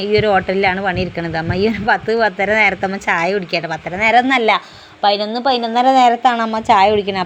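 Middle-aged female vlogger, brisk rambling chat, faint background noise. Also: medium pitch. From Kerala, India. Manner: chatty, rambling, frequent tag words. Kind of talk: casual day-in-my-life vlog narration.

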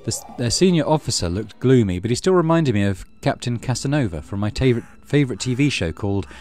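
This gaming channel host talks fast in a medium-pitched, darkish voice with lively intonation. He reads a horror visual novel aloud for a let's play, giving dramatic storytelling and muttered asides over soft background music.

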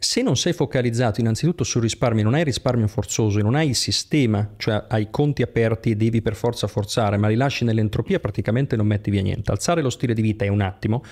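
Animated Italian man talking money. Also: fairly low pitch, quick pace, hardly any pauses. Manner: animated storyteller, acts out quotes. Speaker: guest, online entrepreneur. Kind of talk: casual podcast conversation.

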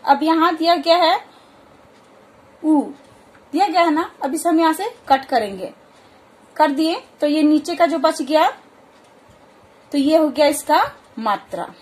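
A woman teaching a children's alphabet lesson, patiently repeating each word slowly for practice. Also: high-pitched. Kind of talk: explaining a Hindi alphabet lesson.

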